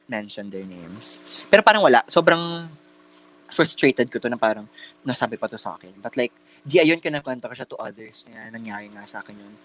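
Lively young man chatting in Taglish. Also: mid-range voice. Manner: chatty Taglish storytelling with many fillers and restarts; campy slang exclamations. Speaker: podcast co-host. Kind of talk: casual chat.

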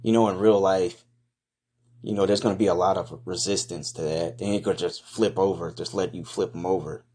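A man's voice: low voice, fairly even intonation, fairly quick, darkish tone, slightly rough. A man giving casual, improvised first-person commentary in a crude, profane, slangy way, blunt and mocking as he goes.

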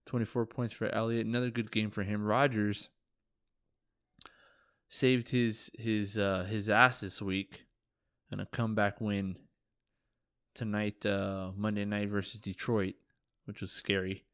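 A man's voice: on the low side, flat delivery, unhurried, long pauses, fairly bright tone, no room sound, clean studio sound. A man hosting a casual fantasy football podcast, joking loosely, swearing now and then and ribbing his league friends while sounding tired. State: tired, yawning. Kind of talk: casual solo podcast recap.

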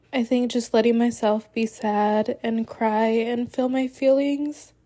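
Tearful woman with a slow, dark voice. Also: fairly high pitch. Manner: soft, halting, many pauses. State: tearful, voice cracking. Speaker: podcast host. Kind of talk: casual podcast monologue.

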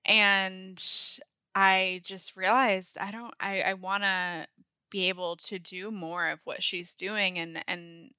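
A woman's voice: medium pitch, steady tone, takes it slowly, sharp tone, clean tone, no echo, studio quality. A young woman from Maine, a guest on a podcast, talking casually and laughing often. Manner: laughs often, says "like" a lot. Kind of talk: casual interview talk.

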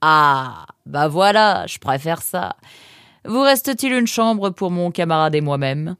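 Une femme qui prête sa voix à un renard mâle effronté, sans gêne et autoritaire, au ton fort et moqueur. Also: female voice, low voice, very animated, measured pace, smooth, no room sound, clean studio sound, exaggerated voice. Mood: mocking. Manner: loud, blunt, mocking. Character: male fox, brash, tactless, bossy.

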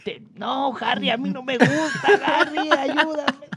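Man putting on a high whiny Mexican older coworker, scared and pleading, casting for a story impression. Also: unhurried, over a noisy crowd.

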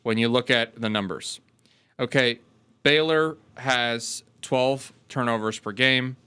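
Bright, crisp-voiced man breaking down stats. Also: medium pitch, slow. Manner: rattles off stats and corrects himself mid-sentence. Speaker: podcast co-host. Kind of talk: casual sports talk.

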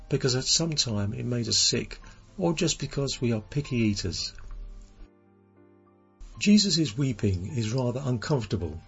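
A man giving a gentle daily gospel reflection, asking his listeners questions as a preacher. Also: medium pitch, vocal fry, breathy edge. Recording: lo-fi recording with faint music.

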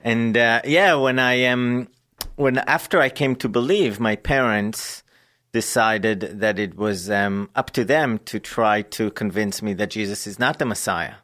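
A man from Israel, a guest in an interview, telling his life story earnestly and haltingly with many pauses and fillers. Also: fairly low pitch, fairly bright tone.

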